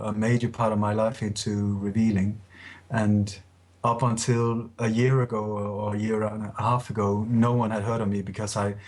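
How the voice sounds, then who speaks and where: A man's voice: lowish voice, darkish tone. A man from Denmark, a guest researcher giving long, earnest answers in a radio interview and often restarting his phrases.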